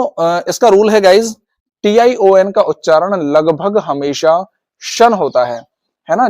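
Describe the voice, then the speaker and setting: A man's voice: sits high, darkish tone, dry recording. A man with an Indian accent teaching English pronunciation in a video lesson, talking to viewers as "guys" and repeating his points. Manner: repetitive, addresses viewers as guys. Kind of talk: classroom-style video lesson.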